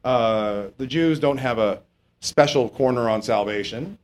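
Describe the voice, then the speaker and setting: A man, a pastor, teaching a passage of scripture in a conversational way, often asking "okay?" and rising in pitch to stress his points. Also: measured pace. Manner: informal, keeps checking in with "okay?", rises in pitch on emphatic points.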